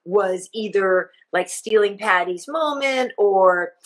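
A woman's voice: medium pitch, slow. A woman in her forties interviewing in a casual, chatty style on a video call. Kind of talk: casual chat. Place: living room indoors.

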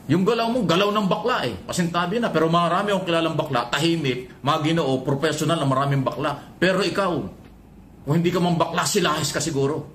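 A man's voice: on the high side, fast, a bit bright, slight background noise. A man making heated public remarks, speaking in an accusatory, scolding way.

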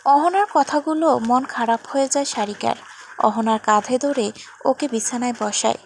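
A woman storyteller reading a sad family story aloud in a gentle, even way. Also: on the high side, moderate pace, vocal fry, slight background noise. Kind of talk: scripted story narration.

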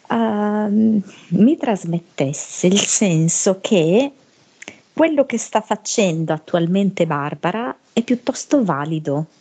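A woman with a northern Italian accent, channeling slowly and hesitantly during a hypnosis session. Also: medium pitch, darkish tone, slightly rough. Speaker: hypnosis medium.

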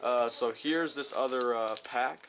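A man chatting casually while unboxing trading cards, rambling and reading each card title aloud slowly, a little sick. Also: mid-range voice, a bit bright, a little hiss or hum. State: slightly sick. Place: small room at home.

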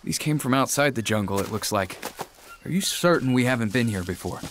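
A man's voice: mid-range voice, animated, a little fast, background noise, natural voice. A man playing a shaken survivor lost in the jungle. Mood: wary. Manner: shaken, urgent, searching. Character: confused stranded man in the jungle.

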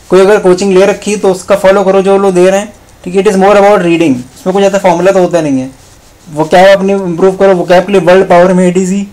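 A man's voice: sits high, darkish tone, rough recording. A man with an Indian accent, a coaching founder talking students through a study plan in a direct, casual way, tagging his points with "okay". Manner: direct, mixes Hindi and English, keeps saying "okay". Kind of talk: casual advice talk to students.

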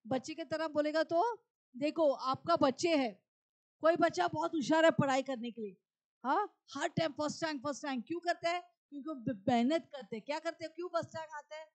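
A woman's voice: sits high, a little fast. A woman from India preaching a sermon, asking questions and answering them herself.

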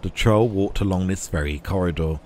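Very deep-voiced male tour guide. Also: moderate pace, a little mellow, a little hiss or hum. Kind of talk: scripted guided-tour narration.

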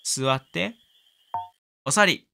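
A man doing casual let's-play commentary, excitable, exclaiming often and cooing at the pet. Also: fairly high pitch, drawn-out words, vocal fry, a little hiss or hum. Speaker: game commentator.

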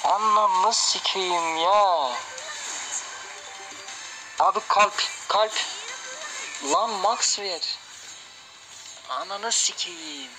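Slow, swearing man reacting to slots. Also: high-pitched, over music, poor audio. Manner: cursing and shouting in frustration. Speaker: casino slot streamer. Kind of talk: live slot stream reaction.

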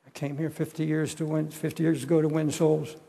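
An older man preaching an earnest, pleading sermon, often halting and repeating his words. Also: a little high, flat delivery, gravelly, mellow. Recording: long echo of a large hall.

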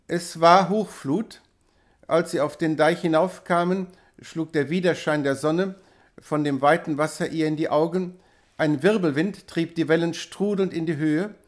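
A man narrating a literary audiobook in a measured, deliberate way. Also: fairly high pitch. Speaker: audiobook reader.

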